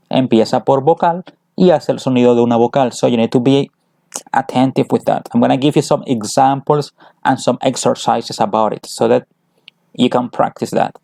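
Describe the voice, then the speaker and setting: Slow, gravelly teacher. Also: male voice, mid-range voice, warm tone, dry recording. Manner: switches between English and Spanish, explaining patiently. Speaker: English teacher. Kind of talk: bilingual grammar lesson.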